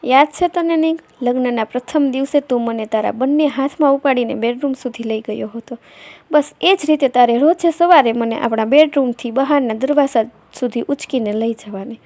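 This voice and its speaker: A woman's voice: high-pitched, normal speed, warm tone, dry recording. A woman voicing a devoted, heartbroken middle-aged wife who pleads with her husband. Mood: gentle coaxing.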